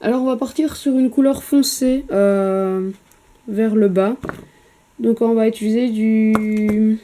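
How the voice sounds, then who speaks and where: A woman's voice: fairly high pitch, steady tone, slow, mellow, slight background noise. A woman chatting casually while painting a miniature at home, hesitant with many fillers and casual swearing, recorded on a camera mic.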